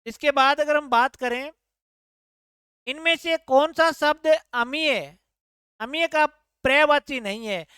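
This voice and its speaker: A woman's voice: high voice, measured pace, pauses often, a bit bright, no echo, studio quality. A woman exam tutor working through answer-key questions, explaining each one and repeating answers back as questions.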